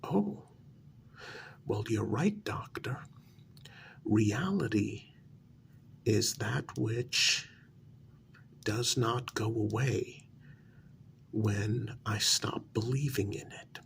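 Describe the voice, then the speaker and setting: Here the same kind of ASMR role-play features a man as a delusional, frustrated psychiatric patient convinced he made his world, speaking breathily, frequently in a whisper, with pointed questions that come haltingly. He has a lowish, heavily acted voice, and a faint hiss or hum runs underneath. He sounds resigned and curt.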